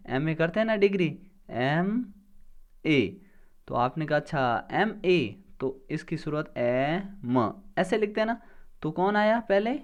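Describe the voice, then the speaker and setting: A man with a slightly high voice teaches a grammar lesson for an exam. He breaks it into small steps and sounds words out slowly. He asks questions and answers them himself. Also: clean tone, lo-fi sound.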